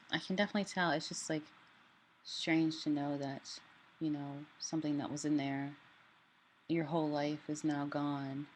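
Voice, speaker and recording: Low-voiced woman with a sore, swollen throat. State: recovering from throat surgery, altered voice with limited range. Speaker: vlogger sharing a health update. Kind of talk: casual personal update. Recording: clearly noisy room ambience.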